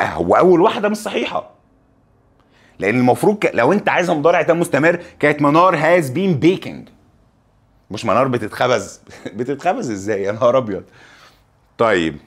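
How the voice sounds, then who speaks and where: A young man with an Egyptian Arabic accent teaching an exam review lesson. He reads the English examples slowly and teases the students with joking asides. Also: a little high, breathy edge.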